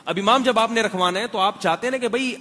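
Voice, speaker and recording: A middle-aged religious scholar from Pakistan addresses a seated crowd in a conversational lecture. His voice sits high for a man, and he keeps quizzing the audience with rhetorical questions and dry jokes. The sound carries a long reverb from a large hall. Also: pushed and bright. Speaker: Islamic scholar giving a talk.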